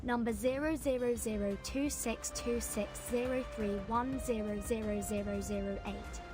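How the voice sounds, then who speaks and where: Woman playing game field agent lady, formal and businesslike, highish voice, loud music under it. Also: fairly even intonation, moderate pace, close to an everyday voice. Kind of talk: video game voice acting.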